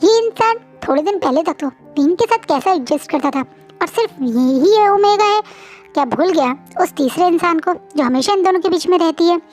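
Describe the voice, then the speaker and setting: A woman casually retelling a fan story, chatty and animated, sometimes talking straight to the characters. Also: very high voice, normal speed, faint music behind. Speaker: fan fiction narrator. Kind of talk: casual storytelling in Hindi and English.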